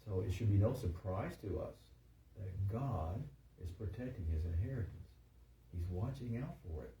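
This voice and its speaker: A man preaching a sermon, reading scripture aloud with rising emphasis and halting restarts. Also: low voice, animated, warm tone, reverberant, recorded from a distance, muffled recording, slight background noise. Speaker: pastor. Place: church sanctuary.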